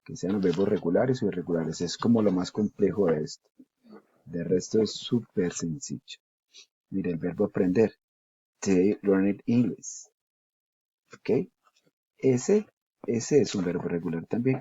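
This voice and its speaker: A male teacher explains a grammar lesson, patiently repeating each step and checking that his students follow. His voice is low, dark and somewhat husky. The recording is dry and dull, with a muffled lo-fi quality. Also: unhurried, long pauses, dry recording. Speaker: English teacher. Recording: dull lo-fi sound.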